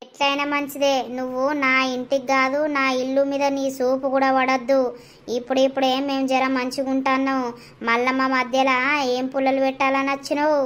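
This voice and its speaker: A woman's voice: high-pitched, monotone, a little fast, clean tone, lightly acted. A woman voicing an angry, jealous village wife in a cartoon comedy, scolding and accusing in a Telangana Telugu accent. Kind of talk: animated village comedy voice acting.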